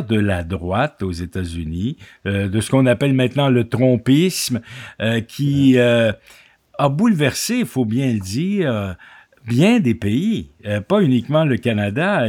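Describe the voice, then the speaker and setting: Slow-talking male radio host. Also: mid-range voice, darkish tone. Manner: measured, hesitant with many fillers. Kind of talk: radio interview.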